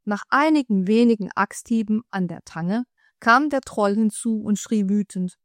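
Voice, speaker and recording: A woman narrating a fairy tale in calm, measured storytelling. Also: medium pitch, no room sound, clean studio sound.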